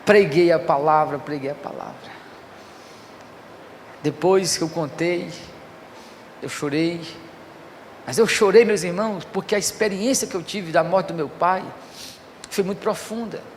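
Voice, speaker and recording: A male pastor preaching a fervent sermon, swinging from hushed passages to loud declarations. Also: sits high, unhurried, long pauses, big-room sound, a little hiss or hum.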